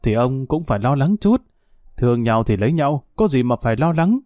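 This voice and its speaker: A man voicing a sharp-tongued older mother in a read-aloud story, scolding in a mellow, dark voice. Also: mid-range voice, big pitch swings, fairly quick, dry recording, clean studio sound, soft background music, lightly acted.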